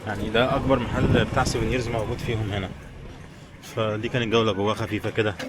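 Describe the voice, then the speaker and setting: A man with an Egyptian Arabic accent, his voice lowish and flat, races through a casual running commentary for viewers as a travel vlogger. He's walking around a tourist village and its shops while a busy crowd and street bustle make heavy background noise.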